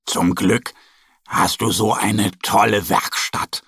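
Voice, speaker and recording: A man voicing a gentle little male bear cub with a slow, drawn-out, whimpering delivery. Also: on the low side, steady tone. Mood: wondering.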